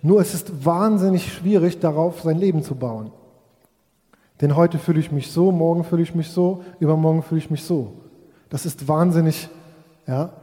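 Preaching thoughtfully straight to his congregation, this man sometimes performs the voices he quotes. He speaks at a moderate pace in a dark-toned voice that sits on the high side, with long hall reverb around him.

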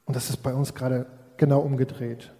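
A man's voice: mid-range voice, level tone, a little fast, dark tone. A man preaching a sermon, reflective and speaking straight to his congregation, now and then acting out quoted voices. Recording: long hall reverb.

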